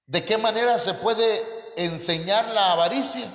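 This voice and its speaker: A man's voice: sits high, measured pace, fairly bright tone. Man, Mexican Spanish accent, preaching, echoey church room, long ringing reverb. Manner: addresses listeners as brothers, many rhetorical questions. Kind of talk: sermon.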